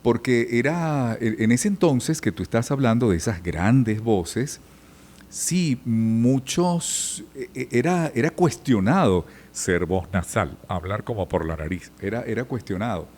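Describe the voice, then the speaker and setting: Animated and a little slow, a middle-aged journalist and radio announcer with a mid-range voice shares anecdotes in a chatty podcast interview. Along the way he imitates the old radio announcers.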